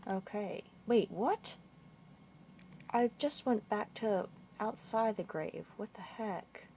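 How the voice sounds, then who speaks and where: A woman giving casual gameplay commentary, thinking aloud and puzzling over where to go. Her voice sits at mid pitch with a gravelly fry. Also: slow, darkish tone, slight background noise. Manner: muttering, thinking aloud, confused questions. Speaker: gamer playing through a walkthrough.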